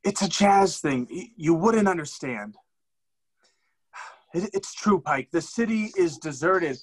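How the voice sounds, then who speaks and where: A man's voice: a little high, animated, slow pace, breathy edge, full character voice. A man playing an earnest questing hero who speaks in mock-formal tones that slip into plain talk.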